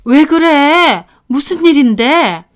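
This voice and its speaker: A fretful older mother-in-law, as a woman reads her part, slow and fussing, her voice lifting high with alarm. The tone stays smooth and clear. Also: lightly acted. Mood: worried.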